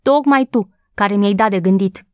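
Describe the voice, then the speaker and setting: A woman voicing an excitable young housemaid who is gossipy, breathless and quick to take offense, in an audiobook reading. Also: mid-range voice, no echo, clean studio sound, lightly acted. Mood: excited. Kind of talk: audiobook character voice.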